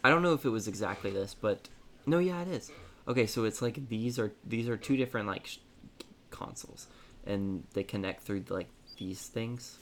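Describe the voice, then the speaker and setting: A man's voice: on the low side, moderate pace, creaky, a little hiss or hum. A man co-hosting a gaming podcast, chatting casually and rambling with lots of fillers while he looks things up. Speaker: podcast co-host. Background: game music.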